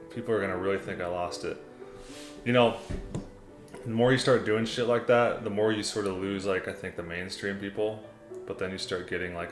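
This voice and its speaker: A low-voiced young American chats loosely on a livestream, reading out viewers' messages and often calling everyone "dude" and "man" in a laid-back, rambling way. The room is echoey, and classical music plays clearly in the background.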